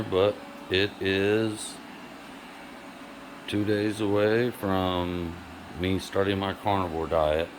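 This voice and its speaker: A man giving a casual, folksy vlog tour, muttering to himself now and then, with the sound of an indoor outbuilding. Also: lowish voice. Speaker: vlogger. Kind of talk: casual vlog, showing a space. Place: old converted chicken coop, indoors. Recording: steady background hum and noise.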